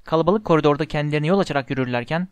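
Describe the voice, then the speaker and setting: A man narrating a storybook in an even, measured way. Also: a little high, clean tone, no echo. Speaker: audiobook narrator.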